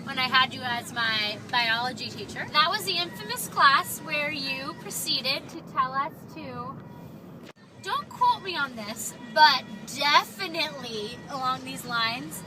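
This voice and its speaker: A woman's voice: high voice, expressive, a little slow, background noise. A woman, a former student, giving a playful, teasing tribute to her old teacher. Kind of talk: casual tribute speech.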